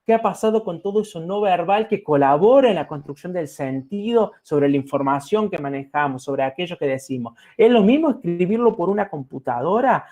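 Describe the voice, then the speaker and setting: A man's voice: sits high, expressive, a little fast, hardly any pauses, darkish tone. A man lecturing to students in a reflective way, often checking in with his listeners, with an Argentine Spanish accent. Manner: reflective, addresses listeners with frequent "¿no?" and fillers. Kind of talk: recorded talk to students.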